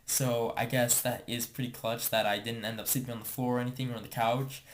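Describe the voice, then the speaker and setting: A man's voice: mid-range voice, flat delivery, a little fast, a little hiss or hum. A young man casually telling a story to the camera, rambling and filling his talk with "like.". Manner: rambling, filler-heavy with constant "like".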